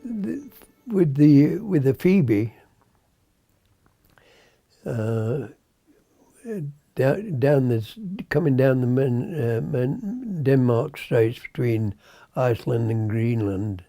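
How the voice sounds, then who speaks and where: A hundred-year-old British man, a navy veteran, remembering his service in a halting, unscripted way, searching for words and trailing off. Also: medium pitch, animated, mellow, no echo, faint music behind. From Britain. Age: 100.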